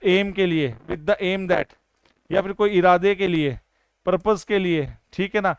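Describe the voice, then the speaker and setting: A man teaches an exam-prep grammar lesson in a high, smooth and resonant voice. He keeps asking the class a question and then answering it himself, and he slows down sharply on English example sentences. The recording is dry and close, with no room sound. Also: no echo.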